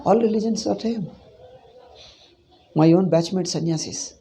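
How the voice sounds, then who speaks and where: Older south indian accent guy, high soft-toned voice, informal teaching, keeps repeating stuff to make his point. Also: measured pace. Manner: emphatic, repeats phrases. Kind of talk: informal spoken discourse. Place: small indoor room. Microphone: clip-on lapel mic.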